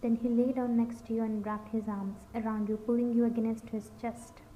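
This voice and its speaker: Mellow woman narrating a story. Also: fairly high pitch, little pitch movement, moderate pace. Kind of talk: scripted second-person story narration. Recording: dull lo-fi recording. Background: faint music.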